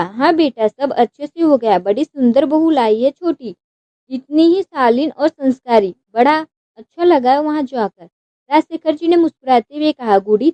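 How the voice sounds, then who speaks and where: A woman's voice: high voice, dry recording. A woman reading a family drama story aloud in a plain way, now and then stopping to correct herself. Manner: plain reading with small restarts and self-corrections. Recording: dry, dull lo-fi recording.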